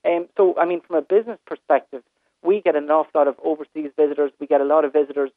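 Irish man on a phone line, higher-pitched. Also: steady tone, quick pace, dry recording. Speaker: phone-in caller, hospitality business owner or manager. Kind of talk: casual conversation. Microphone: telephone.

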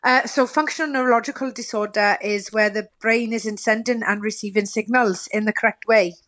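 A woman from Lincolnshire, England, with a Welsh accent, calls in to a radio show for a casual chat. Her voice is on the high side, fairly bright and fairly even, and she talks fairly quickly, chatty, laughing easily and saying um a lot.

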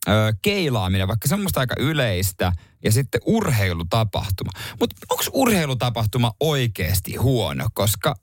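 A man co-hosting a morning radio show, bantering in a lively, jokey way into a studio microphone. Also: medium pitch, hardly any pauses, no room sound. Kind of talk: casual radio chat.

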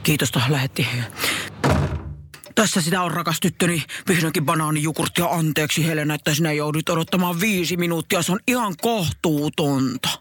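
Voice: mid-range voice, fairly bright tone, husky, no echo. A performer voicing an anxious, indulgent father in a comic radio story, soothing and easily flustered.

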